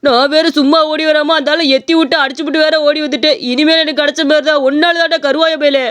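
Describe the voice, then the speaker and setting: A man's voice: extremely high pitch, little pitch movement, fast, a bit bright. A man voicing a dramatic, hot-headed, lovesick young man in a cartoon story. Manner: wailing, dramatic. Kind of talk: cartoon voice acting. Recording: audible background hiss.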